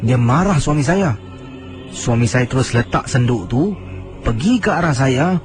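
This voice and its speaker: A man, a radio host telling listeners' horror stories late at night, slowing down and dropping his voice low for suspense. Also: animated. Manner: dramatic storyteller, slows and drops low for suspense. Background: music bed.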